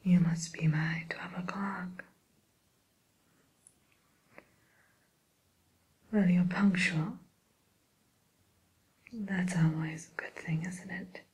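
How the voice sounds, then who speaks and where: A woman playing a sly, genteel wicked witch in an ASMR roleplay, speaking in a breathy whisper with polite, coaxing hesitations. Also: lowish voice, fairly even intonation, a little mellow. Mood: politely welcoming. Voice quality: breathy whisper, mostly unvoiced. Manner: slow, polite, hesitant, coaxing tag questions.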